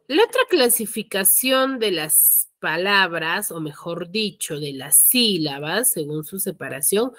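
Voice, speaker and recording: A woman's voice: medium pitch, fairly bright tone. A woman teaching an online class, explaining step by step and often stopping to check that students follow. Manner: asks students to mute their mics. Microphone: computer microphone on a video call.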